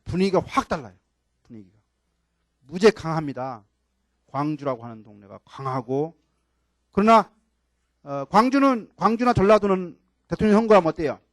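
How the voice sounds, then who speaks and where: An older man with a high voice lectures a class as a professor, keeping it lively with questions to his students and repeated key words. The sound is dry and close, with little room echo. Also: moderate pace, long pauses. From Chungcheong, Korea.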